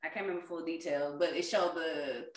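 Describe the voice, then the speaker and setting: Woman podcast co-host, bubbly, loud, laughs a lot; echoey room. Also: sits low, fairly even intonation, fairly quick. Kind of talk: casual chat.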